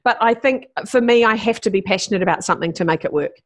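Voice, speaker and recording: A woman's voice: mid-range voice, animated, fast talker. A woman in her fifties, talking as a guest in a casual interview, blunt and brash, swearing freely and laughing often. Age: 50s. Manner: driven and brash.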